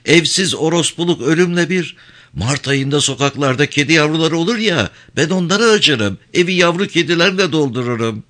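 A man reads a novel aloud, voicing a brash, worldly woman, a seasoned streetwalker who speaks bluntly and mockingly without shame. His voice is pushed up to a fairly high pitch, bright and forceful, animated and a little fast.

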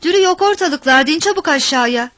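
A woman voicing a fiery village mother who calls out and scolds in a shrill, raised voice. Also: expressive, fast talker, fairly bright tone, no echo. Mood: shouting.

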